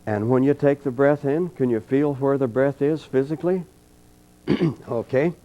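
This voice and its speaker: This is a dull lo-fi archival recording of an older trumpet instructor at a college clinic with listeners present. His voice is mid-range and moderately paced; he shares folksy anecdotes and gently coaches everyone through breathing.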